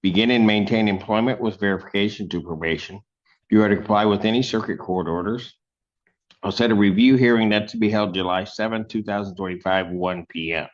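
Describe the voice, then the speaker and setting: A man serving as judge, reading out sentencing and court orders in a measured, formal way, heard in a courtroom recording. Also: fairly low pitch. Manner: measured, formal, with occasional fillers. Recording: dull, lo-fi courtroom audio.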